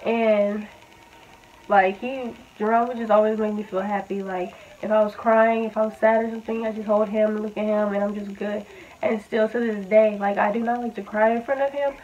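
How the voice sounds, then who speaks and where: A woman's voice: medium pitch, steady tone, normal speed, phone-quality sound, slight background noise. A young woman vlogger casually telling a personal story, talking in a loose, chatty way full of "like" and fillers. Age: young adult. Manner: chatty, filler-heavy, says "like" often.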